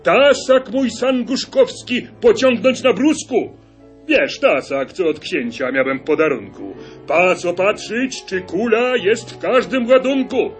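A man putting on a shrill, fussy nobleman assessor who yells high and loud at his servant. He is strident, boastful and impatient. Faint instrumental music runs behind him. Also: very animated, slow pace, hardly any pauses, exaggerated voice. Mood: shouting.

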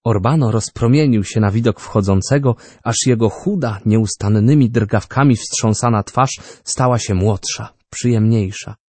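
A man narrating an audiobook in a measured, deliberate reading. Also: lowish voice, a little mellow, breathy edge, no echo. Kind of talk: scripted narration.

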